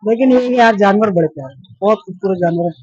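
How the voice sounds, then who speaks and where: This man, a vlogger from Pakistan, keeps up casual chatter on a walking vlog in a busy indoor livestock expo hall, repeating himself and joking with animals and passers-by. He speaks quickly in a high, slightly mellow voice with a breathy edge. The recording is dry and lo-fi.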